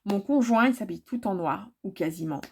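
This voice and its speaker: A woman's voice: mid-range voice, lively intonation, a little fast, darkish tone, breathy edge. A woman chatting casually to her viewers about her cross-stitch projects, full of fillers and repeated words.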